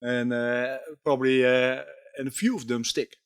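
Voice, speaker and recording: A man's voice: medium pitch, steady tone, normal speed, smooth. A man being interviewed at a trade show who speaks earnestly, with many fillers, his voice strained from a day of talking. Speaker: company technology chief. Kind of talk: conversational interview.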